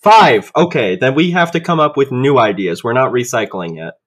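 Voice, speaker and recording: Man, playful podcast co-host, animated lively pitch, casual chat. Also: brisk.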